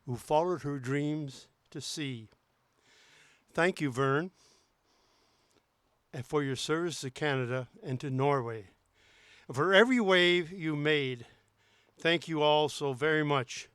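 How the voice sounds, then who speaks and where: Earnest man with a smooth voice. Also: on the high side, a bit bright, no room sound. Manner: earnest, heartfelt. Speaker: sculptor giving a dedication speech. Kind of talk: prepared ceremonial speech.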